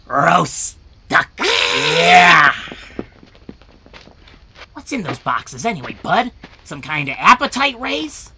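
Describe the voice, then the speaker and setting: A performer voicing a folksy, chatty talking animal in a cartoon comic dub, with a raspy voice. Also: mid-range voice, very animated, slow pace, long pauses, very noisy. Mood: amiable, hungry. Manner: folksy, colloquial.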